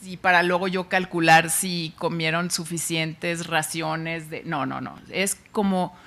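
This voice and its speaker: A Mexican woman with a Mexican Spanish accent, giving an informal public science talk in a chatty way, often pausing and restarting. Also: lowish voice, steady tone, fairly bright tone. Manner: chatty, with frequent fillers and restarts.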